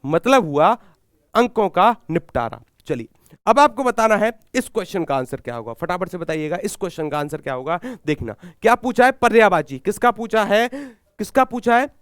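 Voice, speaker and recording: A man with a Haryanvi accent leads a live exam-prep class in a fairly high, clean voice. He fires questions at his students and answers them himself, repeating each key term. His throat is a little sore, and the sound is dry and close. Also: animated, moderate pace, clean tone, no room sound. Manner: repeats key words, calls himself guruji. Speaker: Hindi exam teacher.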